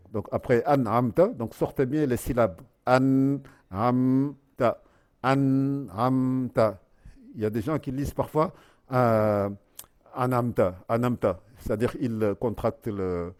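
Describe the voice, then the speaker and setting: A man teaching how to recite the Quran, explaining the rules and then drawing out the sounds slowly, syllable by syllable, as he repeats them. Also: fairly low pitch, a little mellow.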